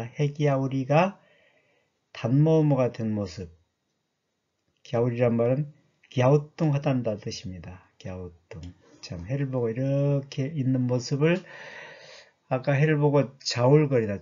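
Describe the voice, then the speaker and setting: A man's voice: mid-range voice, warm tone, slightly rough, highs cut off. A man giving a chatty lecture that explains dialect words, often asking his listeners questions.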